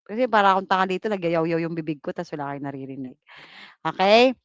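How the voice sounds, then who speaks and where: A woman's voice: on the low side, expressive, quick pace, clear, resonant tone, no room sound. Playful woman lecturing on a dull livestream. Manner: playful, cracks teasing jokes and "charot" asides; mixes English terms into Tagalog. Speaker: review lecturer. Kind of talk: live online lecture. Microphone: computer mic on a livestream.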